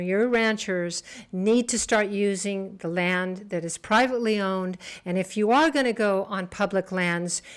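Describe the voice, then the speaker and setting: A woman, a TV host, leaving an earnest, indignant protest voicemail on the phone and stumbling over repeated words. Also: mid-range voice.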